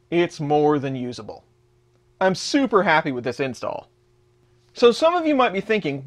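In his workshop, a man in his thirties with a slightly high voice guides viewers through a software setup step by step. He sounds like a home tech host, steady and explanatory, in a screen-recorded tutorial walkthrough.

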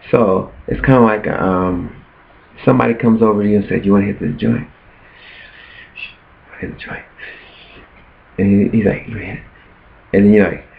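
A man preaching earnestly in a casual vlog, often asking rhetorical questions. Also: on the low side. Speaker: preacher sharing his fast. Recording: tinny phone-like sound.

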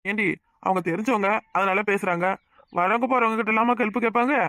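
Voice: mid-range voice, a little fast, pushed and bright, no echo, close to an everyday voice. A voice actor playing a hot-tempered, easily flustered young village husband in a cartoon comedy, with a Tirunelveli Tamil accent and scolding, exasperated rants. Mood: irritated.

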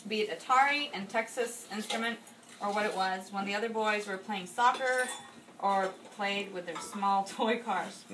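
At a birthday party in a house kitchen, a woman with a mid-range voice reads a toast aloud, adding casual asides. A handheld phone camera a few feet away captures it amid the party noise.

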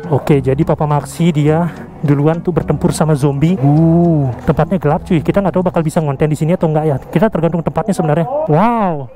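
This man's voice is a little high and fairly quick. He's an Indonesian-accented vlogger at an indoor theme park, wearing or holding an action camera, tossing out slangy, joking commentary and exclamations over background music.

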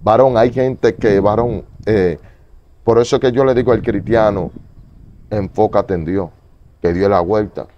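A man in an interview giving a fervent, repetitive testimony, moving between loud pleading and low murmurs. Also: a little slow, muffled recording, slight background noise. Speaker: evangelist guest.

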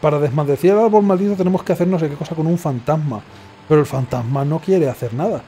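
A man commentating a let's play in a casual, sarcastic ramble, muttering asides to himself. His voice sits a bit high but mellow and soft-edged. Faint game music plays behind him. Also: quick pace. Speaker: gaming streamer.

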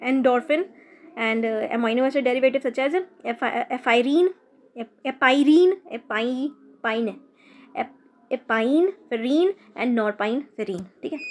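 A woman's voice: fairly high pitch, a little hiss or hum. A young woman teaching chemistry in a casual lecture, repeating terms and spelling them out letter by letter. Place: sitting downstairs with traffic outside.

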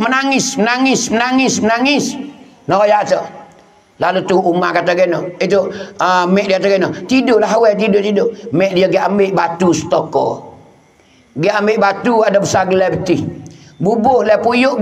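Patani Malay male preacher, high voice, repeats phrases in a storytelling sermon. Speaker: Islamic preacher. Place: outdoor field at night.

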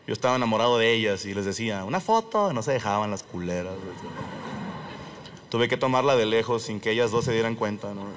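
On a comedy stage, a man with a Mexican accent delivers a stand-up monologue in a fast, lowish voice, with slight background noise. His storytelling is lively and full of swearing, and he acts out the voices of the people he quotes.

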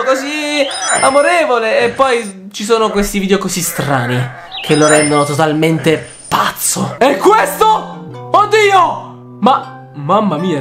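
A young man hosting a reaction video, excitable and quick to shout and laugh between comments. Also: extremely high pitch. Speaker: YouTuber host.

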